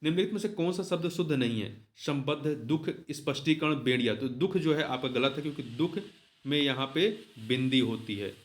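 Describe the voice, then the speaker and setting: A man with a somewhat high voice walks through exam answers one by one. He explains each answer, then asks it back as a question and repeats it. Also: normal speed. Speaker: Hindi exam tutor.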